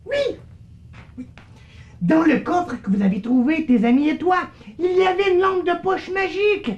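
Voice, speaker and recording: A woman's voice: very high-pitched, expressive, normal speed, darkish tone, lo-fi sound. A woman voicing a mischievous male living shadow with a teasing, slightly haughty manner, in a children's puppet show.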